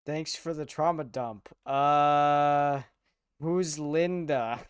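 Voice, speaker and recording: A man streaming live, asking questions in a deadpan interviewer tone. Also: on the high side, very slow, clean tone, dry recording, clean studio sound.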